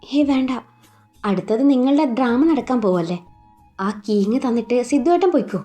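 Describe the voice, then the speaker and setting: A woman's voice: on the high side, expressive, brisk, warm tone, faint music behind, close to an everyday voice. A woman doing a breezy scheming friend. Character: young woman, quick-witted scheming friend.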